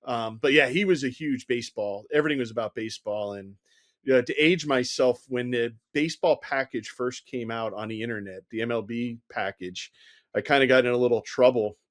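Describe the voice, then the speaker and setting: A middle-aged man spins long, animated anecdotes as an interview guest, his pitch sitting in an ordinary middle range. He peppers his telling with "you know" and slips into the voices of the people he quotes. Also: fairly quick. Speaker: guest, former Secret Service agent. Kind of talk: conversational storytelling interview.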